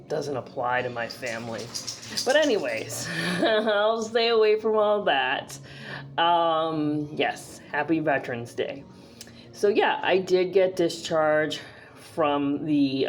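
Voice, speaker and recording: A woman from the northeastern US talking casually to her camera in a chatty, rambling way, full of fillers and restarts. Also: low-pitched. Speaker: vlogger.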